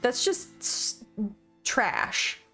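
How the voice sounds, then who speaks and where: A woman's voice: very slow, bright, forceful tone, soft background music. A woman streaming a video game, chatting casually, reading in-game documents aloud, and reacting with amused asides.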